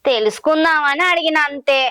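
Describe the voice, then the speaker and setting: A woman's voice: high voice, a little fast, sharp tone, no room sound. A woman playing a mocking, needling village wife. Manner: sarcastic, needling.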